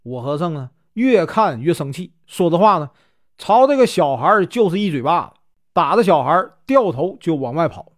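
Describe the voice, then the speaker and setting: A man's voice: fairly high pitch, very animated, normal speed. A man with a Northeastern Mandarin accent narrating a traditional tale, chatty with filler particles between phrases. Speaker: storyteller.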